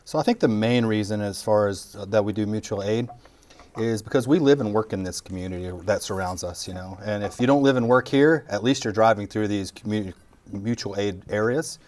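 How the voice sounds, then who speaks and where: A man's voice: on the low side, fairly quick, a little mellow. A middle-aged man, a fire captain joking through a casual interview. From Texas Panhandle. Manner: joking, self-deprecating, talks while chewing.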